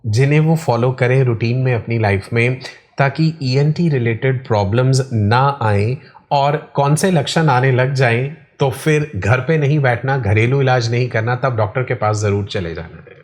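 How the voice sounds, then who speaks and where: A man's voice: mid-range voice, moderate pace. A man hosting an interview, politely asking questions and giving frequent short affirmations. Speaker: interview host. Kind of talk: hosted interview.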